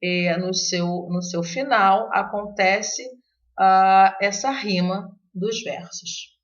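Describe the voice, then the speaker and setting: A woman's voice: mid-range voice, steady tone, slow pace. A woman teacher giving a recorded literature lesson, explaining patiently with many fillers and restarts. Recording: dull lo-fi recording.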